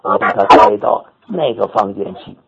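An older man preacher telling a story in his sermon, animated and repetitive, rising to sudden high exclamations. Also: normal speed, gravelly. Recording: dull lo-fi recording with audience noise.

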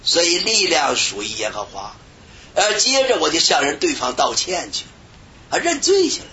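A man preaching a sermon, telling a personal story with sudden shouted bursts. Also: huge pitch swings, normal speed. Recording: dull lo-fi recording with faint rumble.

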